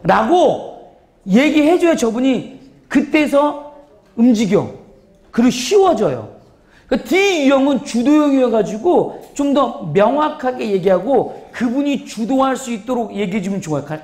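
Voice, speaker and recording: A man with a very high, bouncy voice delivers a seminar lecture in an echoey hall. He plays with his delivery, acting out little scenes in funny voices as he teaches. The sound carries the ring of a large room. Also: a little mellow. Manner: playful, acts out examples in funny voices, laughs often. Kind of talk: lively church seminar lecture.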